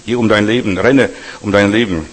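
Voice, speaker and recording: A male preacher with a husky voice giving a blunt, exhorting sermon to his congregation; German is not his first language. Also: on the low side, brisk. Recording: long hall reverb.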